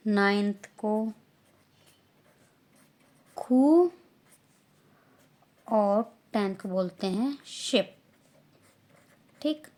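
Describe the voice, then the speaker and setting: Slow-paced Indian woman teaching numbers. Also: mid-range voice, lively intonation. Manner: slow, repeats each word and stresses it loudly. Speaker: Korean language teacher. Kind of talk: beginner language lesson.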